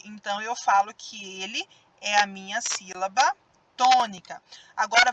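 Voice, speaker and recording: A woman teacher with a Brazilian Portuguese accent, speaking slowly and patiently in a fairly high voice. She stretches out the stressed syllable of each example word for young pupils. The recording has clear background noise. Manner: slow, drawn-out stressed syllables when demonstrating words. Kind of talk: recorded grammar lesson for children.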